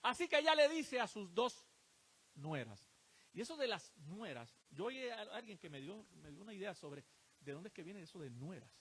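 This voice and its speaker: Lively, high-pitched male preacher. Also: normal speed, slightly rough. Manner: animated, rhetorical questions to the congregation. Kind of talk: sermon.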